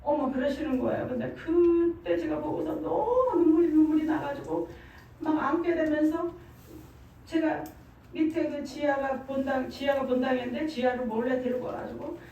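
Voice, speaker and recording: A woman's voice: sits high, normal speed, dark tone, a little hiss or hum. A middle-aged woman giving a fervent church testimony, emphatic and repeating her phrases. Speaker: testimony speaker. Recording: very echoey room, far from mic.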